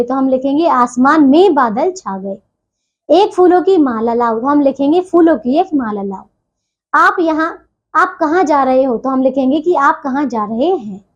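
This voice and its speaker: A woman with a high voice teaches a grammar lesson to young children. She works through the words slowly and carefully, one at a time. She keeps checking that the class is still following. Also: muffled recording. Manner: slow, careful word-by-word dictation.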